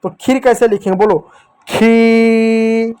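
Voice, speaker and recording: A man with a high-pitched voice leads a children's reading lesson. He sounds out letters one by one, stretching the syllables, and gently coaxes his young listeners to say the words back to him. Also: normal speed. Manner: coaxing, addresses dear children, asks them to repeat. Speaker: teacher.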